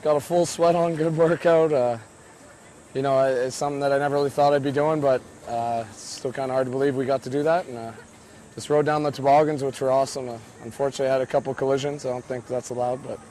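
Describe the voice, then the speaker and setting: A man, a hockey player, chatting casually on camera outdoors, relaxed and easygoing with many fillers. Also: medium pitch, fast talker, a little hiss or hum. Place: outdoors on a tourist landmark.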